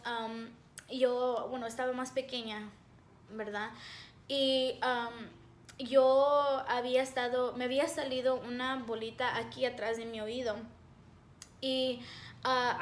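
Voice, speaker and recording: A young woman giving a personal faith testimony, earnest and halting, often pausing on fillers. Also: high voice, a little hiss or hum. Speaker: devotional speaker. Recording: echoey room.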